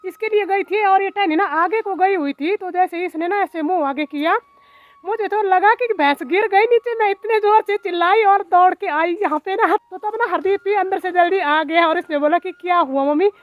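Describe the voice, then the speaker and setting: A high-pitched woman with a Mandyali-tinged Hindi accent talks in a loose, chatty way, full of fillers, as she films her hillside village farm. The phone recording sounds a little dull and lo-fi, with open outdoor air around her. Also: normal speed, no room sound. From Himachal Pradesh, India. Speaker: village vlogger. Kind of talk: casual vlog narration.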